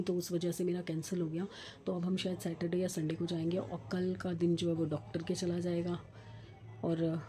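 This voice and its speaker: A middle-aged woman chatting casually in a home vlog, talking slowly and with effort because of a painful tooth. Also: fairly low pitch, mellow. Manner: chatty, rambling about household matters. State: speaking slowly from tooth pain. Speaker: vlogger. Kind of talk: casual daily vlog chat.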